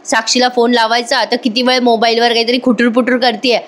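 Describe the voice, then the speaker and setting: Woman, slightly high voice, chatty casual review narration, talks straight to viewers. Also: little pitch movement, fast. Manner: chatty, keeps telling listeners to look. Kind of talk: casual voice-over episode review. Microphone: voice-over recorded separately.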